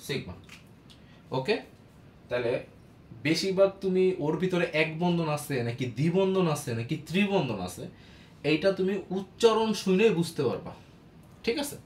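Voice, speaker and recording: A male chemistry teacher with a slightly high voice runs a classroom lesson, firing questions and answering them himself. He repeats key words over and over. The sound is roomy and echoey, with a faint hiss behind it. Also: big pitch swings, normal speed, pauses often, darkish tone. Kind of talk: classroom lesson, call-and-response. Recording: echoey room with faint background noise.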